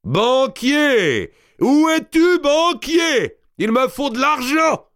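A hulking nobleman in a storybook reading, his voice bellowing high above the reader's own and full of scornful laughter. The pitch leaps about with lively force. The sound is close and dry. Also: a little slow, no echo. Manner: booming, bellowing, sarcastic laughs. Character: huge boisterous nobleman, loud and mocking.

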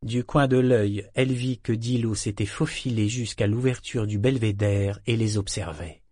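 A man narrating a novel in a measured, steady storytelling voice. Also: lowish voice, dry recording, clean studio sound. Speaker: audiobook narrator. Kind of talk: scripted narration.

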